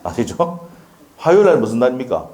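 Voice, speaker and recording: A man's voice: mid-range voice, sing-song, brisk, a little mellow. A man giving a casual law lecture to a class, asking questions and answering them himself and laughing often. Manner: laughs often and jokes with students.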